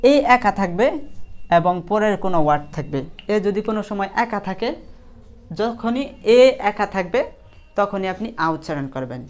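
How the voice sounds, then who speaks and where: A woman teaching English pronunciation in Bengali, repeating each example word several times and asking questions she answers herself. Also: medium pitch. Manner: asks the class questions and answers them herself. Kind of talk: spoken English lesson in Bengali.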